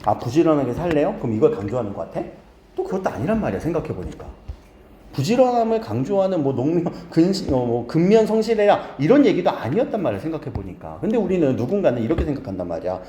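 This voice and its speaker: A male literature teacher lectures a small class with a swinging, animated pitch and a mellow, darker tone. He keeps putting questions to his students. The sound is roomy, with the echo of a classroom and a faint hum behind. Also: quick pace. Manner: lively, questions students often.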